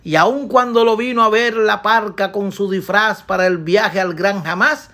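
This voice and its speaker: A woman's voice: medium pitch, fairly even intonation, unhurried, a bit bright. A woman narrating a comic tale in rhymed verse with a wry, playful delivery. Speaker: storyteller.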